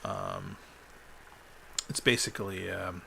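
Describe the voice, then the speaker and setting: A man running a tabletop game as game master, recapping the last session in a halting way, full of ums and uhs. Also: sits low, very animated, creaky, pushed and bright, slight background noise.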